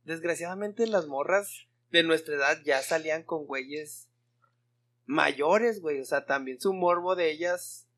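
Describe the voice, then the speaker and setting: A man's voice: fairly high pitch, a little slow, a bit bright. A young man with a Mexican Spanish accent, talking bluntly and with slang in casual chat.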